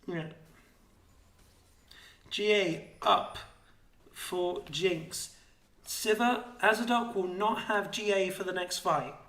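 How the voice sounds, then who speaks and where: A man casting a live esports match, excitable and out of breath, shouting when fights break out. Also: high-pitched, takes it slowly, long pauses, roomy sound. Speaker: esports play-by-play caster.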